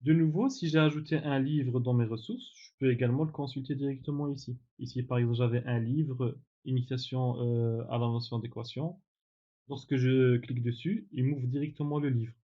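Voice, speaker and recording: A man talks through a software demonstration like a teacher guiding his class. His voice is mellow and dark, and he often pauses for fillers and corrects himself. The recording sounds a little dull and lo-fi. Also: mid-range voice. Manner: relaxed, with frequent fillers and self-corrections. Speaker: teacher giving a tutorial. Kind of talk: screen-recorded tutorial.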